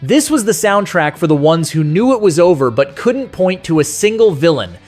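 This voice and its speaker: With music playing behind him, a man narrates a scripted nostalgic countdown in a folksy, conversational, sentimental storytelling style. His voice is slightly high, very animated, darkish in tone, and moves at a moderate pace.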